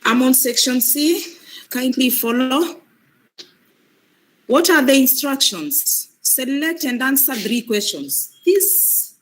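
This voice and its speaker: A Kenyan woman with a fairly high-pitched voice, a cold and a voice that keeps breaking patiently walks students through an online exam in a live training demonstration. She often repeats her points, and the audio quality is poor.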